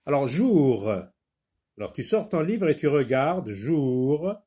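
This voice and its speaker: Slow, patient male phonics teacher. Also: fairly high pitch, very animated, mellow, breathy edge. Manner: slow, patient, repeats words syllable by syllable; switches briefly into Arabic to explain. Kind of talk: primary school phonics lesson.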